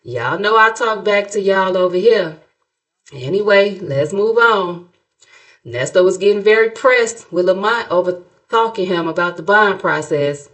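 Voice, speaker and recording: Her voice is medium-pitched, expressive, and a bit bright, and she takes her time. She's a middle-aged American YouTube commentary host and narrator whose reactions are gossipy, sassy, colloquial, and dramatically, playfully mocking.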